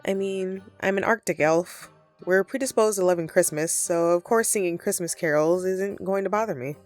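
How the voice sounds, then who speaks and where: A woman acts, lightly, as a friendly Christmas elf who's been secretly living as the listener's roommate, flustered and conversational, speaking hesitantly and earnestly with grateful affection. Her voice is fairly low and a little mellow, her pace moderate, over soft background music.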